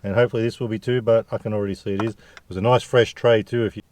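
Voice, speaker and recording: Low-voiced Australian man, casual and jokey. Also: fairly even intonation, rapid-fire, a little mellow, slight background noise. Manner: jokey, slangy. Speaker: food review vlogger. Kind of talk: casual chat to viewers.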